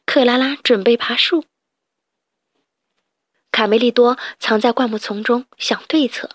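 A woman storyteller reads a children's picture book aloud in a gentle, unhurried way. Her voice sits a little high and the sound is dry and close. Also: no room sound. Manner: gentle, expressive narration.

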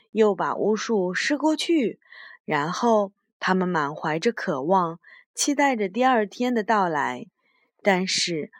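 Woman storyteller, slow unhurried pace, children's storybook read-aloud, dry close recording. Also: lowish voice, no room sound.

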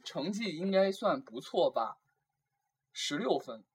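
Young speaker teasing with lively pitch. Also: slow pace, breathy edge. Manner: teasing, profane. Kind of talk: casual mocking banter.

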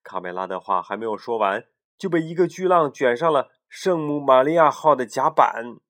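A man in his thirties, a father reading a bedtime storybook to his child, gentle, with explaining asides. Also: mid-range voice, lively intonation, normal speed.

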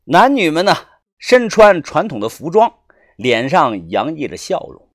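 A storyteller narrating a first-person tale in a lively, expressive way. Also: mid-range voice, unhurried, dry recording, clean studio sound.

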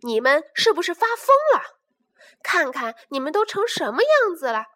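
A woman voicing a stern father bear with a loud, scolding manner in a storybook reading. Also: high voice, very animated, fairly quick. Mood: shouting.

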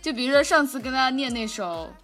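Fast-talking, bright-voiced young woman. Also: high voice, animated, soft background music. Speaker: co-host. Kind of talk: casual relationship-advice chat.

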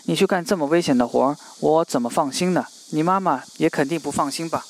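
A man's voice: on the high side, fast talker. A man reading the lines of an earnest young male geologist who pleads with worry. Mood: pleading.

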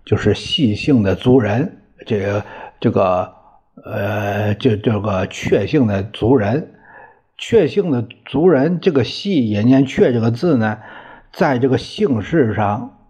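A man's voice: mid-range voice, mellow, husky. A man retelling a classic novel in a casual storytelling style, chatty and hesitant with many fillers and asides, on a dull lo-fi recording.

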